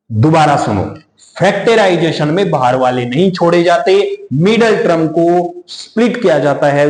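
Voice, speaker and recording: A man teaching a maths lesson in a coaching class, explaining each step patiently, calling his students "beta", and reading English problem text slowly. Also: fairly high pitch, darkish tone. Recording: echoey room.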